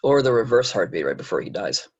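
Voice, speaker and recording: A man's voice: fairly low pitch, very animated, fast talker, a little mellow, breathy edge. A man hosting an interview, asking hesitant questions that he often rephrases or leaves unfinished. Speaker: interview host. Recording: dull lo-fi audio.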